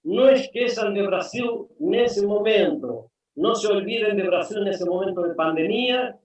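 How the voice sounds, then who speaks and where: High-voiced Brazilian man, earnest plea. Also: animated, a little slow. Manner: earnest, pleading, frequent "eh" fillers. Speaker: guest speaker. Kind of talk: impassioned online conference address. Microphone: video call. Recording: echoey, distant, lo-fi call audio.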